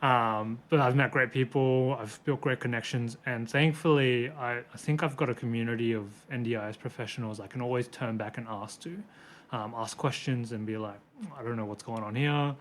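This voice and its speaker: A man's voice: medium pitch, moderate pace, a little hiss or hum. A man in his twenties with an Australian accent, chatting casually as a podcast guest, laughing easily and joking about himself. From born in Hong Kong, raised in Brisbane, Australia. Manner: chatty, laughs easily, self-deprecating asides. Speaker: physiotherapist guest.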